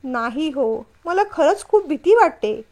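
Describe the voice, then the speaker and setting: A woman's voice: sits high, normal speed, close to an everyday voice. A woman reading a story, voicing a stubborn, frightened young wife who whines and refuses. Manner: whiny, stubborn.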